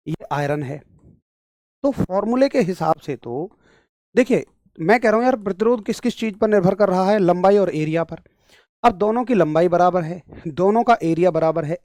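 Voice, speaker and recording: A man's voice: high voice, a little mellow, no echo, studio quality. A young man teaching a physics class online, emphatic and direct, repeating key points to his students. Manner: emphatic, scolding then explaining step by step.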